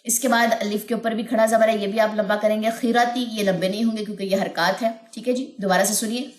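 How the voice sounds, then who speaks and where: A woman teaching Quran recitation rules, explaining patiently and chanting verses slowly and melodically. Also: mid-range voice, fairly even intonation, roomy sound. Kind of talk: tajweed lesson with chanted recitation.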